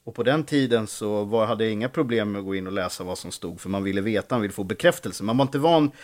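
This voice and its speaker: Animated male comedian telling stories. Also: on the low side. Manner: animated storytelling with frequent restarts. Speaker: comedian guest. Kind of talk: casual podcast conversation.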